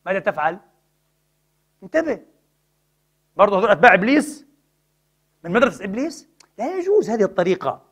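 A middle-aged male preacher with a high voice delivers an impassioned religious lecture. He keeps asking rhetorical questions and answering them himself, swinging from forceful exhortation to quiet, pleading warnings. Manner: emphatic, swings between loud exhortation and hushed pleading.

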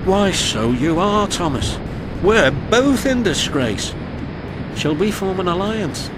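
A man's voice: high voice, big pitch swings, takes it slowly, background noise, voice pushed up, heavily acted. A man voicing a big, pompous, jovial male express engine with a grand, chortling manner in a storybook reading. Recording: loud music bed behind.

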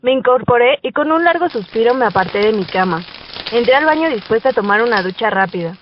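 Playing a teenage schoolgirl who narrates her own tale in a radio drama, a woman speaks quickly and expressively in a fairly high, natural voice. The mood is calm, the talk first-person narration and dialogue, and the recording sounds muffled with a little background noise.

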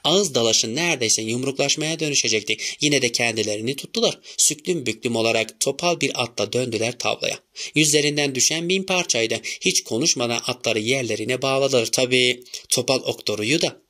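A man narrating a novel as an audiobook in a measured storytelling manner. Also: medium pitch, sharp tone.

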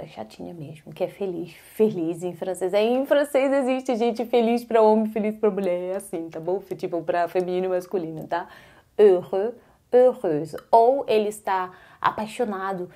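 Woman French teacher, slow unhurried delivery, mellow tone, casual and encouraging, drills pronunciation. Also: mid-range voice. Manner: slow careful pronunciation drills, repeating words; casual encouraging, addresses viewer directly. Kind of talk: online language lesson.

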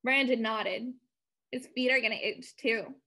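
A woman's voice: fairly high pitch, a little slow, vocal fry, pushed and bright, rough recording. Woman reading a children's story aloud.

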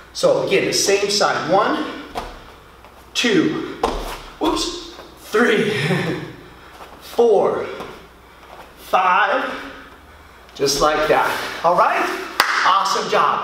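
Slow-talking man in an echoey studio. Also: sits high, fairly bright tone, recorded from a distance, a little hiss or hum. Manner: counts reps aloud while exercising. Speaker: martial arts instructor. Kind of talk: home workout class. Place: large bare studio, indoors. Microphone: far camera.

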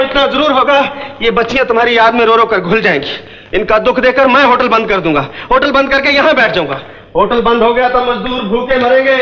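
A sulky, sarcastic big brother, high voice. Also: male voice, sharp tone, slight background noise. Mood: scolding. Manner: sarcastic, scolding, wounded. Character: young man, small eatery owner, sulky sarcastic big brother. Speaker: lead film character. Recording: muffled roomy 1970s film soundtrack.

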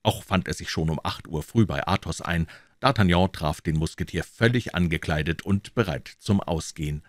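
A man narrating a classic novel as an audiobook reader in a calm, measured voice. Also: dry recording, studio quality. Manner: calm, measured, deep reading voice.

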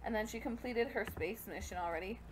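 Here a pregnant young woman who's feeling hot talks briskly in a medium pitch, chatting to game characters while casually commentating her gameplay. She makes gaming videos, and there's a faint hiss or hum.

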